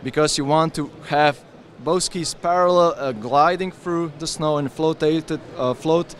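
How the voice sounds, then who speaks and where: Eager man pitching skis at a trade fair. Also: measured pace. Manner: enthusiastic, explains with hand gestures. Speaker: ski brand representative. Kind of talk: trade fair product interview. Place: busy indoor trade fair hall. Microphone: handheld interviewer mic with windscreen.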